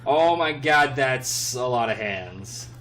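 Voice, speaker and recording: A man's voice: mid-range voice, expressive, takes it slowly, a bit bright. Man streamer bantering and swearing. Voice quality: swears freely, dry joking banter. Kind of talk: casual live-stream chat while gaming.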